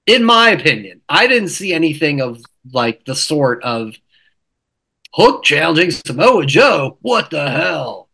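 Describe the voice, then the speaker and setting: A man's voice: a little high, sing-song, unhurried, creaky, bright, forceful tone. A man co-hosting a wrestling podcast, rambling and laughing as he rants with many restarts. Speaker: podcast co-host. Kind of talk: casual wrestling podcast chat.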